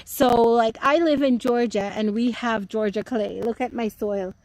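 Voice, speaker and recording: Slow, chatty woman touring her garden. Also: on the high side, darkish tone, no echo, low-quality recording. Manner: chatty, explanatory, talks to viewers directly. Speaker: home gardening vlogger. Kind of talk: casual live-streamed garden tour. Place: outdoors in a home vegetable garden. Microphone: phone.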